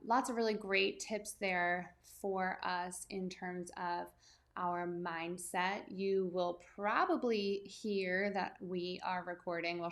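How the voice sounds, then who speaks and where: A woman's voice: on the low side, a bit bright. A woman hosting a podcast, chatting in a friendly, rambling way while recording outside in her backyard. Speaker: podcast host, running coach. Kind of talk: casual podcast intro and interview. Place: outdoors in a backyard.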